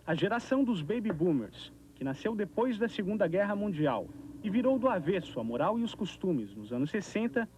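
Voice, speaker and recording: A man's voice: high voice, very animated, brisk, darkish tone. A man with a Brazilian accent narrating a scripted TV news report, recorded on an old VHS tape. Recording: noisy 1990s VHS tape of TV broadcast.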